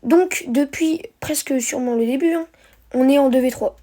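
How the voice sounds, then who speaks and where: High-pitched hesitant woman commenting gameplay. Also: moderate pace, dark tone. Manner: hesitant, many fillers and self-corrections. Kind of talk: narrated strategy game replay commentary.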